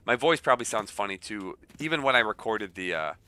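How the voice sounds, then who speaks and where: A man's voice: on the low side, expressive, brisk, pushed and bright, a little hiss or hum. A man streaming a video game in casual chat, nasal and a bit stuffy from a cold, joking and reacting aloud as he plays.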